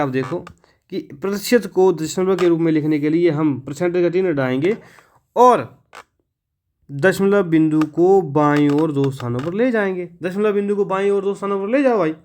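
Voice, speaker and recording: A man teaching a math lesson for exam prep. He asks the class questions, answers them himself and repeats each step in a casual, friendly way. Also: high-pitched. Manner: casual, addresses viewers as friends and brother.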